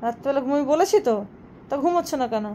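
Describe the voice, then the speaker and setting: A woman's voice: sits high, animated, fast, mellow. A mother scolding and coaxing her small child to go to sleep at home at night. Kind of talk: casual scolding at bedtime. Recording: home recording with background noise.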